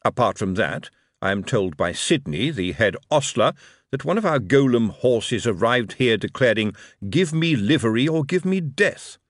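A man reading an audiobook, voicing a cold, precise male city ruler who speaks in a measured, quietly threatening way. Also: medium pitch, animated, dry recording, clean studio sound, natural voice. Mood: dry.

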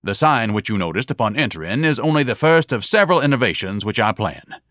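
A man's voice: medium pitch, very animated, fast talker, a bit bright, dry recording, clean studio sound, pitched above the performer's own voice. A man reading an audiobook, voicing a pompous, fussy grown man who lectures everyone in a didactic, self-important way. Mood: grandiose.

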